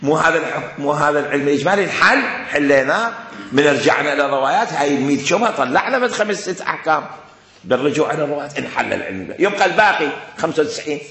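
An Iraqi-accented man lectures a class with a lively, rising and falling delivery and a bright, forceful tone. He hammers points home with repetition and rhetorical questions. The room around him is heavily echoey. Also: a little high, rapid-fire. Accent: Iraqi Arabic.

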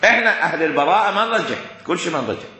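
An Iraqi-accented man lectures a class with a lively, rising and falling delivery and a bright, forceful tone. He hammers points home with repetition and rhetorical questions. The room around him is heavily echoey. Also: sits high, rapid-fire. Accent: Iraqi Arabic.

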